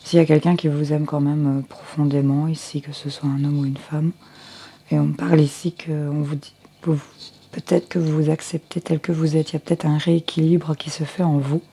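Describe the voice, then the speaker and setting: A woman's voice: low-pitched, level tone, a little fast, dark tone, slight background noise. A woman giving a general tarot reading for viewers through a close headset mic, speaking unhurriedly with frequent hesitations and restarts. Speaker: tarot card reader.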